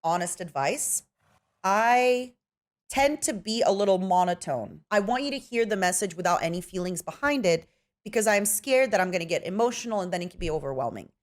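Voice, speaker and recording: A woman's voice: mid-range voice, animated, a little fast. A young woman streamer giving frank, abrasive advice in a casual, direct way. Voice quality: abrasive, blunt, plain-spoken. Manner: direct, calls listeners "baby". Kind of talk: casual advice talk on a livestream. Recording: faint music behind.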